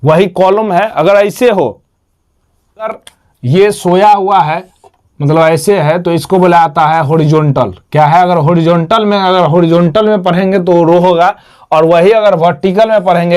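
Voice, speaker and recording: High-voiced man quizzing his class. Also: steady tone, normal speed, darkish tone, clean tone. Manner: repetitive, quizzes himself with questions and answers. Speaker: math teacher. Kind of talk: whiteboard math lesson.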